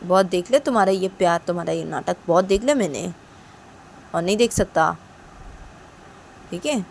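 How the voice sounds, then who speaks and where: A woman's voice: on the low side, lively intonation, normal speed, creaky, slight background noise. A woman voicing a hurt young woman who coldly pushes her lover away and repeats that she wants to be alone. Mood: bitter. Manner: cold, accusing, repeats herself. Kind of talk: one-woman storytelling with voices.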